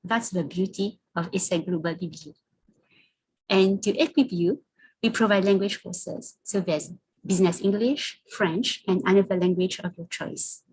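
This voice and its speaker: A woman with a slightly husky, lowish voice presents an online information session. She moves through her slides in a steady, prepared way and hands over to the next speaker. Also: a little slow, rough recording. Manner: scripted, calls for the next slide.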